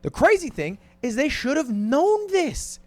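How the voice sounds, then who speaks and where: A man giving animated opinion commentary in a blunt, exasperated manner, swearing often. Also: very high-pitched, measured pace, no echo. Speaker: online commentator.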